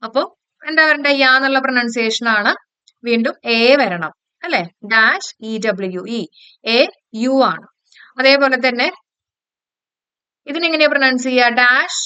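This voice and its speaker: A woman teacher giving an online exam-prep lesson, walking through grammar questions. She quizzes her listeners, checks that they follow and repeats key rules slowly to drill them in. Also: fairly high pitch, pushed and bright, smooth, no echo. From Kerala, India.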